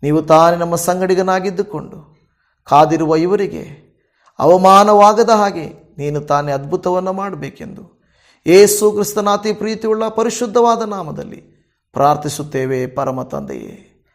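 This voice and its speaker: A man's voice: high-pitched, expressive, unhurried. A male pastor with a Kannada accent leading a fervent spoken prayer, pleading in phrases that swell and fall.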